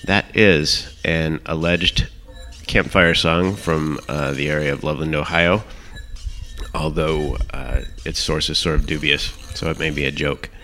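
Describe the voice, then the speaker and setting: A man hosting a show with a croaky voice, hoarse from illness, moving between narration and casual announcements with a hesitant, unhurried delivery. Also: extremely low pitch, fairly even intonation, sharp tone, a little hiss or hum. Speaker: show host. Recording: music playing behind the voice. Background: music.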